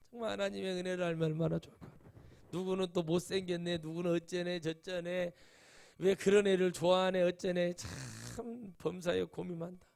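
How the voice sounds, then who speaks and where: Gravelly, high-voiced male pastor preaching. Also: a little mellow. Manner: chatty storytelling, rising to emphatic exclamations. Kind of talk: sermon with anecdotes.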